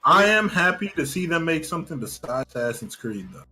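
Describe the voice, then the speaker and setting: A man co-hosting a casual gaming podcast, trading animated slangy jokes with plenty of swearing. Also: on the high side, a little fast, faint music behind. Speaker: podcast co-host.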